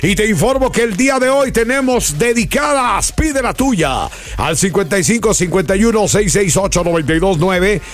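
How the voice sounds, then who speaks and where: Male morning radio host, Mexican accent, high voice, theatrical sing-song banter, faint music underneath. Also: lively intonation, moderate pace. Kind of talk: upbeat radio show banter and announcements.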